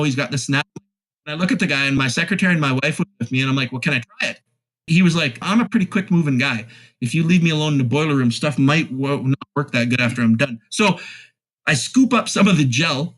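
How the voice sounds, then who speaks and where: Fortysomething plumber guy, chatty, acts out the convos, slightly high voice. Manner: animated storyteller, acts out both sides of conversations. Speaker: plumbing contractor guest. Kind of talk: casual podcast chat.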